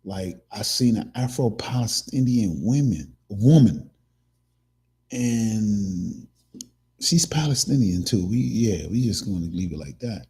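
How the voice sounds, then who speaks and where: A man's voice: fairly low pitch, lively intonation, takes it slowly, darkish tone, slightly rough. A man hosting a casual commentary talk, rambling with many restarts and fillers. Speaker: podcast host.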